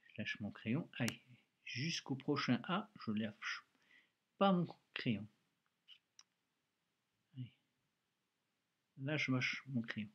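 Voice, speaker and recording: A man's voice: medium pitch, animated, slow, long pauses, a bit bright, muffled recording, a little hiss or hum. A male schoolteacher recording a handwriting lesson for a child, patiently talking through each pen stroke aloud with an encouraging manner. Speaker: primary school teacher.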